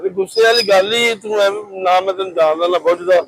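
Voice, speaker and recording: A man with a Punjabi accent from Pakistan, gruffly brushing off a stranger asking for money. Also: high-pitched, fast talker, rough recording. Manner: gruff, dismissive and irritated.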